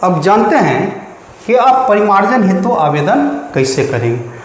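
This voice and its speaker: A man's voice: high voice, very animated, unhurried. A man explaining an online application process step by step, addressing viewers as friends. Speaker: explainer of online land-record services. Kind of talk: spoken tutorial. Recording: very echoey room with long reverb.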